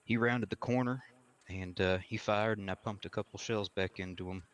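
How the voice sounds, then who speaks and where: A low-voiced frontier woodsman played by a man testifies in a courtroom role-play. He is measured and deliberate, choosing formal words and halting often as he goes. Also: steady tone, smooth, natural voice. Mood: measured, careful.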